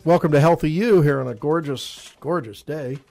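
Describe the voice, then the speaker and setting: Chatty doctor hosting a radio show. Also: male voice, fairly high pitch, normal speed, creaky, darkish tone. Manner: chatty, laughs easily, many restarts. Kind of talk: casual radio chat.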